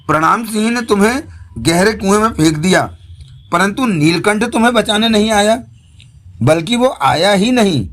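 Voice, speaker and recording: A man voicing a calm, observant man who raises a pointed question, in an audiobook. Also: sits high, moderate pace, pitched above the performer's own voice. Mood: probing.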